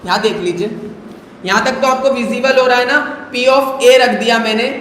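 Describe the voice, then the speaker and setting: A man's voice: very high voice, normal speed, fairly bright tone, slight background noise. Man teaching math in a very echoey room. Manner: coaxing, calls students "beta", asks rhetorical questions. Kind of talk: live online math lesson. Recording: very echoey room, faint ambience.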